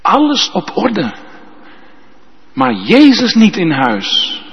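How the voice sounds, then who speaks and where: Slow, emphatic man preaching in a church. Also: sits high, wildly swooping pitch, vocal fry, husky. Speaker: pastor. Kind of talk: sermon. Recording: dull sound with long church reverb.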